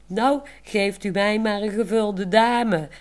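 A woman's voice: medium pitch, measured pace. A woman voicing a proud, cheeky man in a wheelchair who talks boastfully. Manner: boastful, playful.

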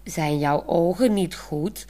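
A woman's voice: on the low side, slow pace, dark tone. A woman voicing a proud, self-assured, talkative young woman who explains things matter-of-factly, in a storybook reading.

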